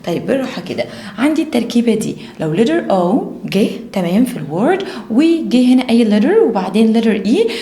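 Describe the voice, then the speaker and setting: A woman's voice: a little high, big pitch swings, warm tone. Egyptian woman teaching phonics, echoey room. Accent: Egyptian Arabic. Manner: drills sounds slowly and repeats, coaxing young learners. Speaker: English teacher. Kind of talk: phonics lesson for children.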